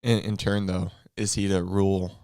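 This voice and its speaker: A man's voice: deep voice, flat delivery, moderate pace, warm tone, no room sound, clean studio sound. A man co-hosting a podcast, reasoning through a book in loose, thoughtful casual talk. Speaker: podcast co-host. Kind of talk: casual theology discussion.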